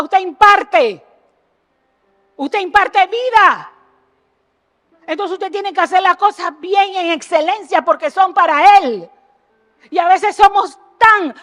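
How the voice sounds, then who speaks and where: A woman preaching an impassioned sermon in a church, jumping between loud exhortation and low earnest asides and firing rhetorical questions at the congregation. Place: church sanctuary.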